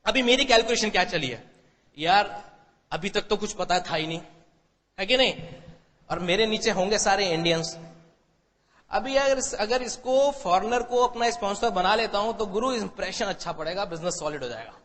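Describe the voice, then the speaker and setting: A man telling his story to an audience as a motivational speaker, animated and acting out the dialogue. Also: sits high, normal speed. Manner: animated, acts out dialogue, mixes in English. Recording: long hall reverb.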